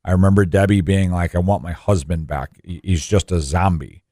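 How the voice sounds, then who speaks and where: A man's voice: low voice, steady tone, a little fast, mellow, no echo, studio quality. A man of forty co-hosting a radio show, talking informally and emphatically, repeating phrases for stress. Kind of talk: conversational radio talk with personal asides.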